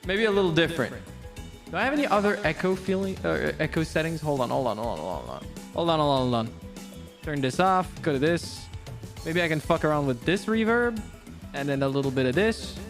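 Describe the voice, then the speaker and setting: A man's voice: on the high side, animated, brisk. A man streaming a game, switching between casual, sweary commentary and dramatic read-aloud narration. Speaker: streamer playing and voice-acting a game. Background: background music.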